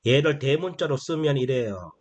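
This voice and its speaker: Man, phonics teacher, mid-pitched voice, slow drawn-out key phrases, asks and answers own questions. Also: lively intonation. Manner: drawls key phrases slowly; calls vowels moms and consonants sons. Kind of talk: slow explanatory lesson for beginners.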